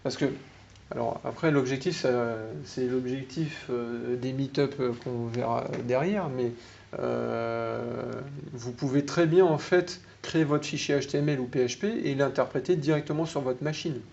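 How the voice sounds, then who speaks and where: A man's voice: medium pitch, a little slow, gravelly, darkish tone. French man explaining web basics to a room. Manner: explanatory, questions the audience. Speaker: meetup speaker. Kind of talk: live tech talk to an audience. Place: meeting room. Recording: slightly dull room recording with faint noise.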